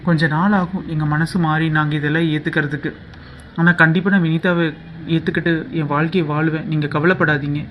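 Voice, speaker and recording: A man's voice: fairly high pitch, a little hiss or hum, lightly acted. A man voicing an earnest, dutiful young groom in a cartoon drama. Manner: earnest, quick. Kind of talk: cartoon voice acting.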